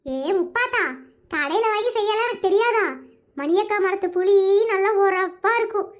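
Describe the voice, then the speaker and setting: Woman doing a sly hushed village woman. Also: moderate pace. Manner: conspiratorial, drops to a low hush. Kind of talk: cartoon voice acting.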